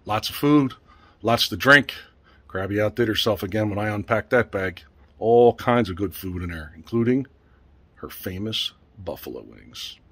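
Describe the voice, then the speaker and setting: A man, out of breath, talking casually to camera about his hunting day from a cabin porch and the woods. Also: fairly low pitch. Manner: relaxed, matter-of-fact, with filler pauses. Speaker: hunting vlogger. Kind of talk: casual vlog narration.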